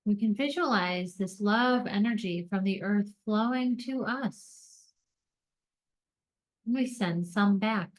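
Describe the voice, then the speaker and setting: A woman with a medium-pitched voice leads a guided meditation, speaking gently in deliberate short phrases separated by long pauses.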